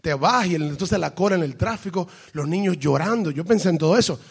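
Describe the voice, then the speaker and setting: A male pastor preaching an animated sermon, dropping into English phrases and swinging from hushed storytelling to shouted emphasis. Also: high-pitched, a little fast, creaky, slightly rough. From lives in Florida, United States.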